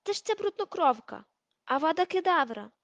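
A woman voicing a crude, hulking teenage boy bully who talks coarsely and shouts in a storybook reading. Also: sits high, lively intonation, fairly quick, dry recording, lo-fi sound. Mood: furious.

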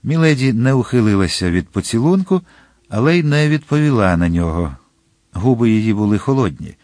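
A man narrating a classic novel as an audiobook in a measured, expressive reading. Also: medium pitch, dry recording, clean studio sound.

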